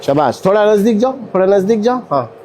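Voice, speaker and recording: High, lively man coaching a class. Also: a little fast, a little hiss or hum. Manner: energetic, counts and calls out corrections. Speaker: acting instructor. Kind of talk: coaching a stage-fight drill. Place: indoor acting studio with a class.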